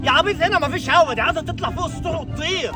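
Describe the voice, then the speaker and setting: A woman's voice: sits high, racing, music in the background, close to an everyday voice. A woman voicing a cocky, mocking boy friend in an Egyptian Arabic comedy skit, with a taunting, teasing delivery. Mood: plotting.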